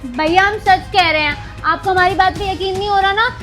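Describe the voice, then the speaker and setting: A woman's voice: very high voice, fairly quick, a bit bright, soft background music. A woman acting a younger sister in a family skit who pleads and insists. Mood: pleading. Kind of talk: amateur Hindi web-skit acting.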